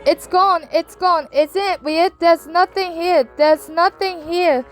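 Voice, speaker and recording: A woman reading aloud puts on a mocking, unhinged schoolgirl with a very high, sing-song voice that lurches from breezy to frantic. It is a fan reading of a novel. Faint game music plays underneath. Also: fairly even intonation, slow, poor audio. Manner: sing-song, abrupt mood swings. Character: erratic, mocking young woman schoolgirl killer.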